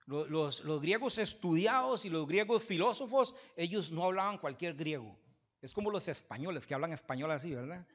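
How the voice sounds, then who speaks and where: Man preaching, high-pitched. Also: lively intonation, normal speed, muffled recording. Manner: swings from loud emphatic preaching to quiet conversational asides; repeats and restarts phrases, asks the congregation "verdad?". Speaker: pastor. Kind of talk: sermon. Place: church.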